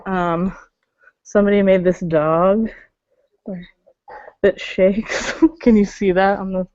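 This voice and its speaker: A woman's voice: medium pitch, steady tone, takes it slowly, darkish tone, dry recording. A woman who works at a library makerspace, talking casually on a video call with many fillers. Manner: chatty, many fillers, laughs. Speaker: library makerspace staff member. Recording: dull lo-fi video call audio.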